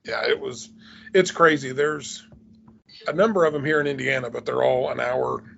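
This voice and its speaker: A man in his forties explaining things in a relaxed casual chat, sometimes repeating his opening words. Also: fairly high pitch, normal speed, vocal fry. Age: 40s. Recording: dull lo-fi sound with faint noise.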